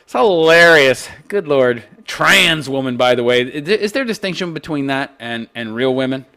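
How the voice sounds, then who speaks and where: A man's voice: mid-range voice, animated, brisk, sharp tone. A man hosting an opinion commentary show, reading out news and mocking it in a brash, coarse-mouthed, exaggerated way. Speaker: host of a commentary channel.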